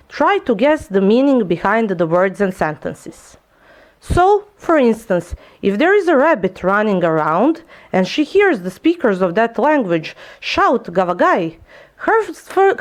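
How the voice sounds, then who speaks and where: In a prepared lecture, a young Serbian-speaking woman walks through her research paper with clear explanations and the occasional small error. Her voice is mid-range.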